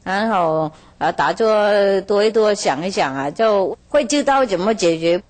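A woman's voice: medium pitch, lively intonation, unhurried. A woman telling a moral parable in a chatty way, laughing often and drawing out her filler words.

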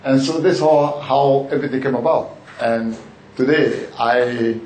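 A man's voice: medium pitch, steady tone, measured pace, a little mellow, slight background noise. A middle-aged man from Ghana with a Ghanaian accent, a chef who talks in a casual, hesitant way, full of fillers and restarts. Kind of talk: casual interview and cooking demo.

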